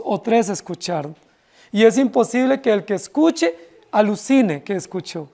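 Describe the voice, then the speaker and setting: A man's voice: extremely high pitch, creaky, darkish tone. A man with a Colombian accent, preaching an expository sermon to his congregation in a church. He speaks emphatically and keeps checking in with his listeners through rhetorical questions. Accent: Colombian Spanish. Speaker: pastor.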